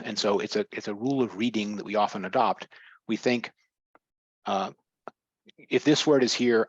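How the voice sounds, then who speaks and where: A man's voice: on the low side, no room sound. A man leading an informal seminar discussion over a video call, explaining as he thinks aloud with frequent fillers. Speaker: discussion leader. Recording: dull lo-fi video call audio.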